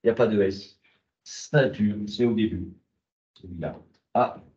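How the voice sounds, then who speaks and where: In a muffled, echoey classroom recording, a man lectures a university class, posing rhetorical questions he then answers. His voice is lowish and dark, and he keeps a moderate pace.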